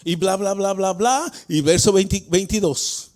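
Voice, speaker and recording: High-voiced preaching man, slow and dramatic. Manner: calls questions to the congregation, swings from quiet to shouting. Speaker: pastor. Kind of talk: Spanish-language sermon. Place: church sanctuary.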